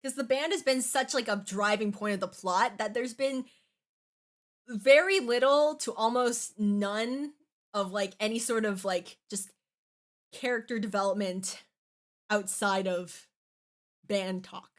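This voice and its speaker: A woman gives casual, opinionated commentary in the manner of a fan reviewer. Her delivery is halting, with false starts and frequent filler words as she works out her point. Her pitch sits in an average range for a woman. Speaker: anime reviewer.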